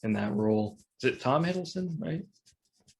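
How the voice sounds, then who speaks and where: A man's voice: medium pitch, lively intonation, moderate pace, gravelly. A man co-hosting a podcast, chatty and loose, laughing easily in casual conversation. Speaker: podcast co-host. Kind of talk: casual chat.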